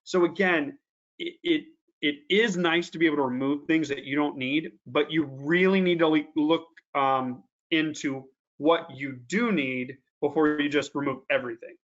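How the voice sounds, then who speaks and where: A man walks viewers through a software tutorial in a slightly high, easygoing voice. He leans on fillers and restarts, and slows down deliberately to stress the warnings. The sound is dull and lo-fi, like webinar audio. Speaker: webinar presenter. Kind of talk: screen-share software tutorial.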